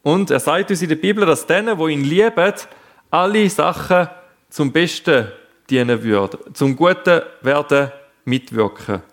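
A man's voice: fairly high pitch, expressive, a little slow. A man preaching a sermon, speaking earnestly and addressing the listeners directly.

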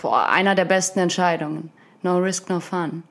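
A woman's voice: on the low side, fairly even intonation, normal speed. A woman in her twenties from Ukraine, a dancer chatting casually as a guest and laughing often. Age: 20s. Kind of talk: casual conversation.

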